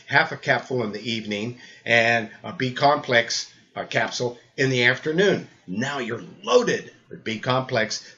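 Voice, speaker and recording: An older man talks at a middling pitch, rambling and restarting with repeated words. His voice comes through the muffled, lo-fi sound of an old camcorder recording. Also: sharp tone. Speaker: health supplement presenter. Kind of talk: rambling spoken talk.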